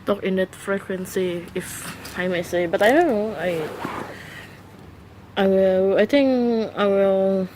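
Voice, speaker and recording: Hosting her first solo podcast, a woman who is not a native English speaker talks through a casual monologue, recorded alone at home on a phone. She takes it slowly in a mid-range voice, hesitant and full of fillers and restarts, with background noise behind her.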